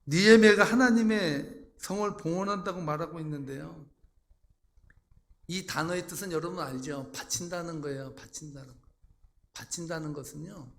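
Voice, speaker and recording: A man preaching a sermon as pastor, acting out quoted voices with sudden loud outbursts. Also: on the high side.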